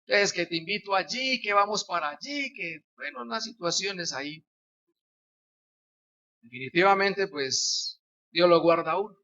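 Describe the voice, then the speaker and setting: A man's voice: high voice, normal speed, sharp tone, dull audio. A man preaching a sermon as pastor, acting out the voices of people in his stories.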